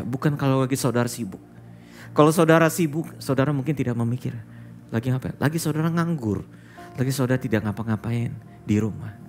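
A pastor with a mid-range voice preaches in a conversational, storytelling manner, frequently addressing his listeners as "saudara." His intonation rises and falls with lively energy, he mixes English words into his speech, and faint music plays in the background.

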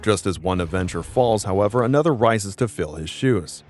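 A man narrates a comic-book saga in a fairly low voice. His delivery is scripted, dramatic and emphatic, with music playing faintly underneath. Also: animated, moderate pace, a little mellow.

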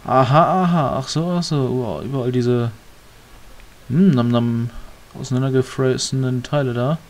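A man's voice: mid-range voice, moderate pace, a little mellow. A man casually commenting on a game as he plays, rambling, muttering to himself and grumbling a little. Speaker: let's player.

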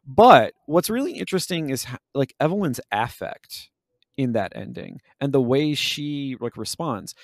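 A podcast co-host with a mid-range, lively voice discusses a video game analytically at a normal pace. He searches for his words and corrects himself often, and the studio sound is clean with no echo.

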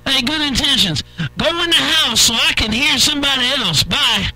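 A man's voice: extremely high pitch, animated, normal speed, sharp tone, a little hiss or hum, rough recording. A man bantering on CB radio, teasing and scolding another operator. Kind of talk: CB radio chatter.

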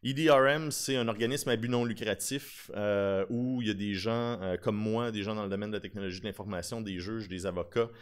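A man in his thirties with a Québécois French accent speaks at a conference lectern. His voice sits a little low. He presents in an informal, talkative way into a podium microphone. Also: fairly even intonation, brisk, few pauses, clear, resonant tone. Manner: informal, talkative, with self-deprecating humour. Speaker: conference speaker, lawyer specializing in digital forensics. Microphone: podium gooseneck microphone.

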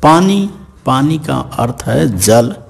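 A man teaching a grade-five language lesson, slowly and deliberately repeating each word before explaining its meaning. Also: medium pitch, animated, gravelly, slightly rough. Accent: Hindi.

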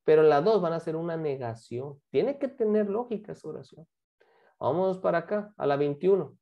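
A woman's voice: sits low, expressive, fairly quick, lo-fi sound. A woman, teaching English and explaining homework to a class, patient and often checking that students follow. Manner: patient, checks understanding with frequent questions.

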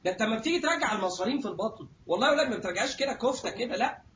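Fast, high-voiced Egyptian man lecturing. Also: animated, fairly bright tone, highs cut off, a little hiss or hum. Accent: Egyptian Arabic. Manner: jokey, acts out little scenes, addresses students directly. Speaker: surgery lecturer. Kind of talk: lively classroom lecture.

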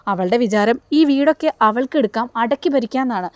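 A woman's voice: on the high side, lively intonation, fairly quick, clear, resonant tone, no echo, lightly acted. A woman reading as a stern scolding matriarch. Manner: scolding, domineering. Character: stern scolding middle-aged mother-in-law.

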